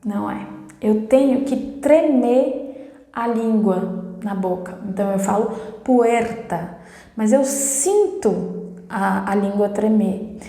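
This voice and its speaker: A Brazilian woman, a native Portuguese speaker, giving a casual Spanish lesson in a chatty way, often repeating herself and slowing down to demonstrate sounds. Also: mid-range voice, mellow. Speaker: Spanish teacher. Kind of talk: casual online language lesson. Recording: echoey room with long reverb.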